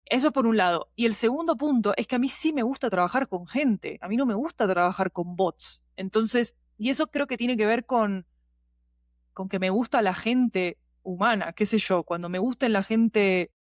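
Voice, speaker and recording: This woman's mid-range voice keeps a moderate pace on a dry, studio-quality recording. She has a Rioplatense Spanish accent and works as an audio fiction producer, here voicing her opinions as a podcast guest. Her manner is informal and slangy, full of conversational tags.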